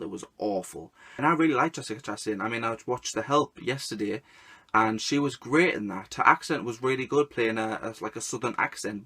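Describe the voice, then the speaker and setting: A man's voice: mid-range voice, fairly bright tone. Emphatic man reviewing a film. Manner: emphatic, stacks repeated intensifiers. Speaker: movie reviewer. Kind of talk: casual movie review to camera.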